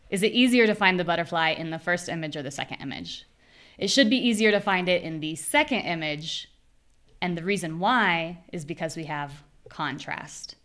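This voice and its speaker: Speaking with a fairly low pitch and a slightly bright tone, an American woman with a General American accent leads a live online pronunciation lesson. Her explanations are patient and clear, and she stretches out syllables to show where the stress falls.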